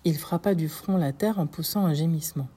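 A woman narrating a classic novel excerpt in a measured, expressive reading. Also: low-pitched, breathy edge. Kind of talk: literary audiobook narration.

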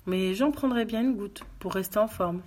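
A woman's voice: medium pitch, normal speed, a little mellow, pitched above the performer's own voice, natural voice. A woman doing a polite tired police sergeant. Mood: courteous.

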